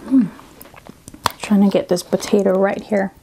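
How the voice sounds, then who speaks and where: A woman's voice: medium pitch, steady tone, a little slow, mellow, slight background noise. A woman vlogging while eating on camera, getting over a cold, chatting casually between bites and murmuring at the food. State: recovering from a cold, slightly congested. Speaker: mukbang YouTuber.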